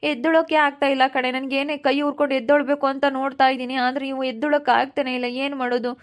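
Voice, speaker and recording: A woman's voice: high voice, fairly even intonation, quick pace, close to an everyday voice. A woman voicing a fallen man who whines that he cannot get up, with a Hiriyur Kannada accent. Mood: whining. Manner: whiny, pleading, sly teasing. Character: Sundara, a fallen man playing helpless.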